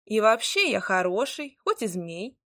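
A woman's voice: medium pitch, very animated, a little slow, pushed and bright, exaggerated voice. A woman doing a cocky serpent-man warrior. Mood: sulky. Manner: teasing, sulky grumbling.

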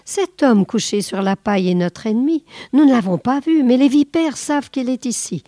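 A woman's voice: fairly high pitch, expressive, normal speed, warm tone, no room sound, studio quality, voice pushed up, close to an everyday voice. A woman voicing a swarm of small ants who plead insistently, in a storybook reading. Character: small anxious ants, a swarm of little sisters.

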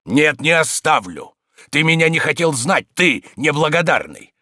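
Man voicing a loud, high-strung bully, yelling abuse in a dry, close storybook reading. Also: sing-song, unhurried, no echo, heavily acted. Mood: indignant. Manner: shouting, indignant, insulting. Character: coarse, bullying middle-aged man, loud and abusive.

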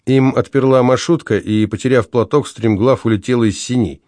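Man, audiobook narrator, medium pitch, dry close sound, measured expressive reading. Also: no room sound.

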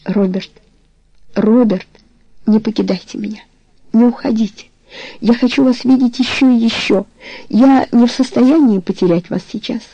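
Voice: medium pitch, slow, long pauses, mellow, no room sound, low-quality recording. A reader voicing an impassioned young woman who implores her lover not to leave, in an audiobook. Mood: imploring.

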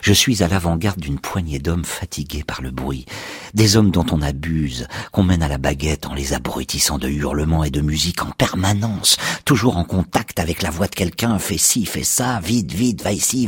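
A man voicing an excitable, sarcastic patient confessing he destroyed his talking house. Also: low-pitched, slightly rough, dry recording, full character voice. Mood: defiant. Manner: excitable, sarcastic, swings to shouting.

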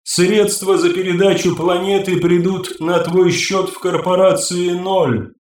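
A man voicing a serene, commanding female being made of flesh, speaking slowly and solemnly with a soft, ringing, imperious voice. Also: sits high, fairly even intonation, reverberant, voice pushed up. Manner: slow solemn ritual pronouncements.

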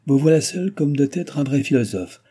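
Audiobook: man reading a loud, gruff old baron, dark and husky. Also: a little high, expressive, normal speed, voice pushed up. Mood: brusque. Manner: blustering, raises his voice.

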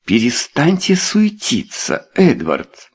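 A man reading an audiobook, voicing a high-strung, reproachful aristocratic mother in a raised voice. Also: animated, measured pace. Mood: impatient.

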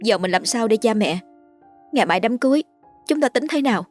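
A woman's voice: on the high side, expressive, a little fast, faint music behind, pitched above the performer's own voice. A woman voicing an anxious young village daughter who pleads as if near tears.

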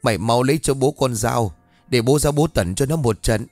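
A man voicing an agitated old village man who sees spirits, shouting in anger as he reads a ghost story. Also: mid-range voice, normal speed, no echo, faint music behind, lightly acted. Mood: enraged.

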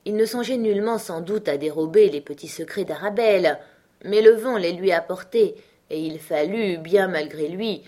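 A woman reading a classic novel aloud in measured, even scripted narration. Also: low voice. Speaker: audiobook reader.

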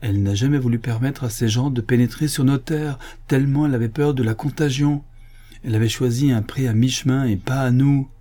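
Male narrator doing a fussy, irritated grandmother, higher and louder, husky. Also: brisk, close to an everyday voice. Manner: exclaiming, irritated. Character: indignant, stubborn-minded old grandmother.

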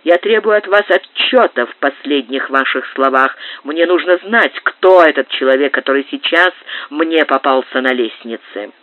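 A woman's voice: deep voice, big pitch swings, a little slow, no echo, exaggerated voice. A woman reading an audiobook, voicing a domineering, jealous marquis who speaks coldly and insinuatingly. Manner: cold, insinuating. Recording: tinny narrow-band dry digitized tape.

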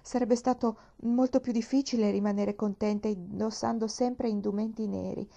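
A woman's voice: mid-range voice, fairly even intonation, moderate pace, gravelly, warm tone, lightly acted. A woman voicing a chatty, cheerful little girl who talks eagerly and without stopping.

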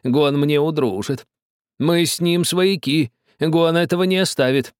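A man's voice: sits high, animated, normal speed, no echo, studio quality, pitched above the performer's own voice. A man voicing a stubborn, quarrelsome old village man who grumbles, wheedles and threatens. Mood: menacing.

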